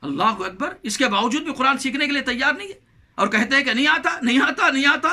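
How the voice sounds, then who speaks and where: High, bright-voiced scolding preacher man. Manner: scolding, exhorting, repeats phrases for emphasis; recites Quranic verses slowly and melodically. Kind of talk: Ramadan sermon.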